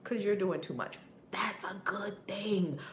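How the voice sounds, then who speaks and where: Female spiritual teacher, mid-range voice, animated and loose with laughs and cursing; roomy sound. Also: medium pitch, a little slow. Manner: animated, laughs often, swears casually. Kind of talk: casual livestream teaching. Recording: roomy with faint background noise.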